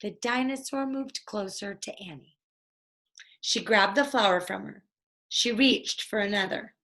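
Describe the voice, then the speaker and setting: Reading from a storybook for children, a woman tells the tale in a deliberate, expressive way, her voice sitting in the middle range.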